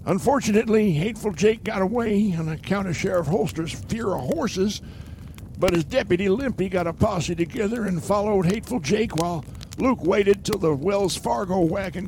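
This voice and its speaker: Folksy old prospector played by a man, mellow and high, faint hiss. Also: moderate pace. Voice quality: folksy, drawling. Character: old male prospector narrator, folksy drawl. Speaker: narrator.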